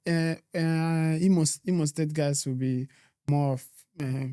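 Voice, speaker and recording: A woman's voice: low voice, steady tone, measured pace, warm tone, smooth. A Nigerian woman hosting a casual podcast chat, asking curious, teasing questions.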